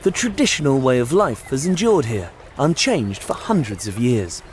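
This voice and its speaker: A man presenting a nature and travel documentary, delivering scripted narration in a measured, expressive way. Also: medium pitch, slight background noise. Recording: music bed under narration.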